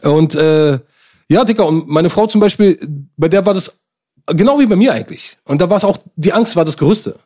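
A middle-aged man from Germany, telling stories in a slangy, animated casual chat. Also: high voice, normal speed.

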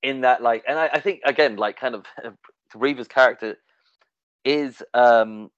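A man's voice: mid-range voice, a little slow, fairly bright tone, dry recording. A man talking casually in a discussion, hesitant, with many fillers and restarts. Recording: dull, dry, lo-fi sound.

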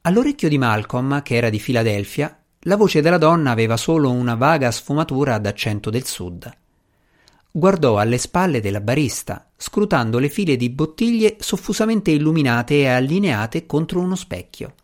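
A man narrating an audiobook chapter in a measured, even reading voice. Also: mid-range voice. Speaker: audiobook reader.

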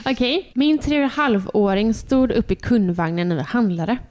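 A young adult woman, co-hosting a casual podcast and telling lively stories about her toddler. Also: on the high side. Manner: animated storytelling, acts out kids' voices. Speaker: podcast co-host. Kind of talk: casual chat.

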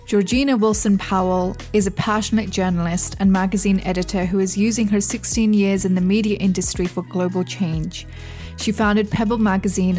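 A woman reads out a podcast introduction in a smooth, polished way. Soft music plays quietly behind her. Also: medium pitch. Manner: polished, read-aloud delivery. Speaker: podcast host.

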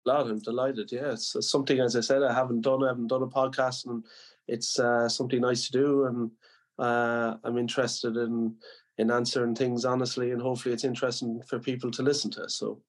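A man's voice: medium pitch, level tone, fairly quick. A man from Limerick with a west of Ireland accent, answering as a podcast guest in an earnest, modest, conversational way. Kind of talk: casual interview reminiscence.

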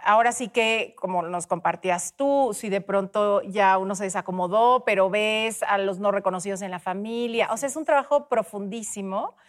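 A woman's voice: medium pitch, moderate pace, hardly any pauses. A woman co-hosting a casual conversation who backs others up and finishes their sentences. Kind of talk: casual chat.

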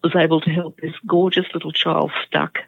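A woman telling a personal story as an interview guest, earnest and halting with many fillers, on a phone line. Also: sits low, little pitch movement, gravelly, slightly rough, dry recording. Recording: tinny phone-like line, dry.

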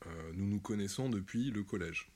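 A young man in his twenties chats loosely as a podcast host, with a southwestern French accent. His voice sits a little low and he rambles through plenty of fillers and restarts. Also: moderate pace, darkish tone, slight background noise. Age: 20s. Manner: chatty, rambling with many fillers and laughs. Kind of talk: casual chat.

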